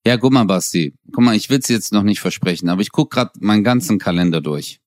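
A man's voice: on the low side, fast talker, no echo, clean studio sound. A young man co-hosting a podcast, teasing his friend in casual comedic banter and acting out stories with sound effects. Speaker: podcast co-host.

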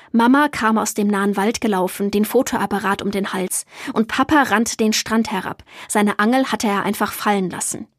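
Expressive female storybook narrator, slightly high, dry booth sound. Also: dry recording. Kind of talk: children's audiobook narration.

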